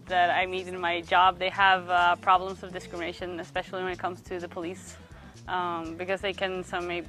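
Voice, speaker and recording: A young woman from Sweden, a youth worker giving reflective interview answers, pausing often to find her words. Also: lowish voice, a bit bright. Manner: thoughtful, pauses often to search for words.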